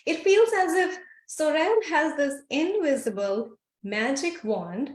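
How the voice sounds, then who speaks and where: A woman's voice: sits high, a little mellow, roomy sound. A woman hosting a podcast, introducing her guest with effusive praise. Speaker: podcast host.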